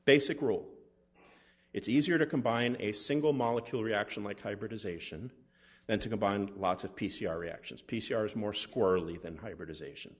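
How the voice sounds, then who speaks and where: A man's voice: fairly low pitch, a little fast, breathy edge. A man, a molecular pathologist, giving a conference lecture in a conversational way, often checking in with the audience. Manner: conversational, asks the audience "right?" and "okay?". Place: conference hall.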